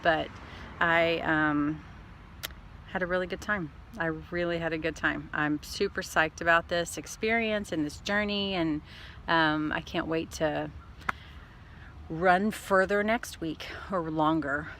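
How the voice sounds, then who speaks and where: A woman's voice: low-pitched, fairly even intonation, takes it slowly, a bit bright, a little hiss or hum. A woman chatting casually in a rambling, upbeat, self-deprecating way, like a trail running vlogger talking to her followers. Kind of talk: casual vlog chat to camera.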